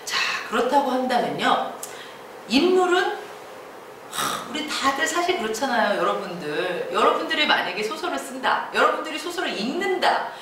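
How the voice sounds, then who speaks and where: A woman giving a lively creative-writing lecture, acting out quoted lines and laughing often. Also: high-pitched, normal speed. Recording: echoey room from far off, faint noise.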